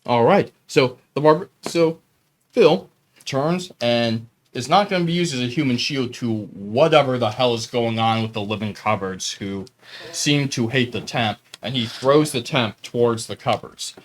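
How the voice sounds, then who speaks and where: A young man narrating a tabletop role-playing game as game master, with lively, drawn-out dramatic narration. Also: mid-range voice.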